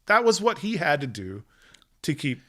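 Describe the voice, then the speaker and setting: A man's voice: a little high, very animated, normal speed, fairly bright tone. Easygoing middle-aged man telling work stories. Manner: easygoing storyteller, many fillers and restarts. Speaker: guest, electrical business owner. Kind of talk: casual interview chat.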